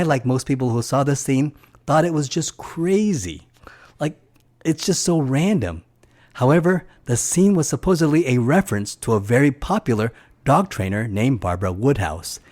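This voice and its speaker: A man's voice: mid-range voice, darkish tone. A middle-aged man narrating a film recap for his channel, chatty and enthusiastic, with personal asides. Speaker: film reviewer.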